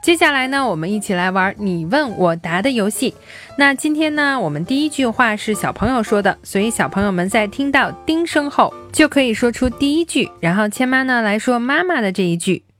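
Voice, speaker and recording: A woman teaching young children simple English phrases, explaining words and repeating them slowly for practice. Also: on the high side, animated, fairly bright tone, soft background music. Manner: slow, drilled repetition of English words.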